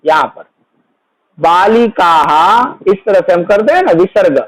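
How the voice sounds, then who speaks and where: A man's voice: high-pitched, big pitch swings, brisk, a little mellow, rough recording. A man teaching a children's worksheet lesson, explaining each answer and then asking it back as a question.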